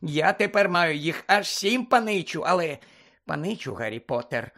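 A squeaky timid house-elf. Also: male voice, very animated, normal speed, gravelly, bright, forceful tone, exaggerated voice. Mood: squeaky eager. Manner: squeaky, eager, servile.

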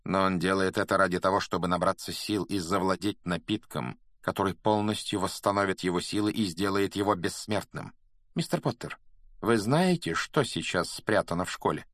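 A man voicing a grave, low centaur. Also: no room sound, studio quality. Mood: solemn. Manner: measured, grave and quiet. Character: calm, solemn male centaur.

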